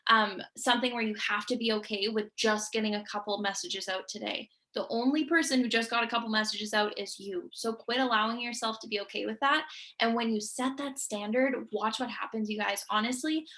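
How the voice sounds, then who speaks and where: Young woman, motivational team talk, earnest and peppy, fairly high bright voice. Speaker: team leader.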